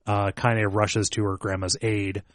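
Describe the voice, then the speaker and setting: A man's voice: lowish voice, little pitch movement, a little slow, dry recording, clean studio sound. A man co-hosting a podcast, recapping a game's plot at length with lots of fillers. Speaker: podcast co-host. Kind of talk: casual chat about a video game.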